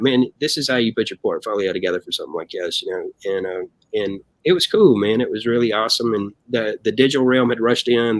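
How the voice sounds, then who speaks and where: A man's voice: lowish voice, dry recording, poor audio. A man telling stories in a casual interview, acting out quoted voices and often saying "man". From United States. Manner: animated storyteller, acts out quotes, says "man" often. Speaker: band member guest.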